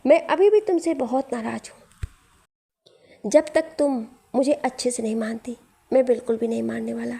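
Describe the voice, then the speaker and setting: A woman's voice: a little high, fairly even intonation, fairly quick, gravelly, mellow, husky. A woman voicing a sulking angry young husband. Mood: possessive. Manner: sulky, possessive, scolding.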